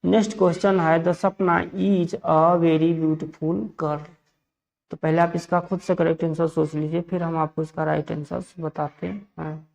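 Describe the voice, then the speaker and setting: A man from India teaching an English grammar lesson for exams. He asks questions and answers them himself, repeats set phrases, and reads the example sentences slowly. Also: fairly high pitch, flat delivery, gravelly, a little mellow. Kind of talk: exam-prep grammar lesson.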